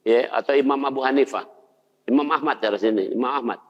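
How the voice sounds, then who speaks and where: A man's voice: medium pitch, fast talker. An older male preacher, giving a conversational sermon and putting questions to his listeners. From Indonesia. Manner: conversational, asks the audience questions. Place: mosque hall. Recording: dull sound in a long-reverb hall.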